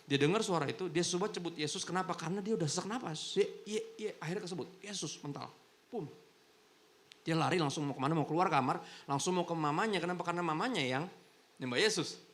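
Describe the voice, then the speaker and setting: Speaking a little fast in a higher male register, this pastor delivers a sermon in a hotel ballroom church service. His storytelling is casual and lively, and he performs the voices of the characters he quotes.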